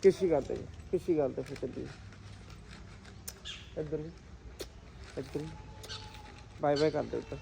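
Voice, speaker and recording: A man's voice: fairly high pitch, unhurried, creaky, pauses often, noisy background. A man from Punjab, India, chatting casually to his vlog viewers from inside a car and coaxing a small child to talk. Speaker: vlogger.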